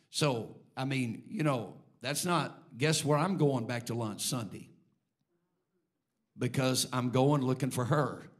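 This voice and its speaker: A man, a bishop, preaching a sermon, telling a story in a conversational way and building to fervent exhortation. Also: medium pitch.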